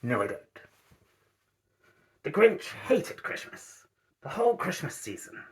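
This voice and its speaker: A man voicing the Grinch as a grumpy, sour, Christmas-hating monster who reads a children's storybook in a theatrical, animated way. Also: a little high, measured pace. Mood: grumpy, reluctant, then sour storytelling. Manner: grouchy, theatrical, repeats words with mounting emphasis. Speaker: storybook reader in character.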